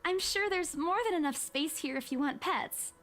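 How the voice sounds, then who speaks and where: A woman doing a high, flustered young tour guide. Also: moderate pace, a bit bright, faint music behind. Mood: polite. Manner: polite, flustered, stammering.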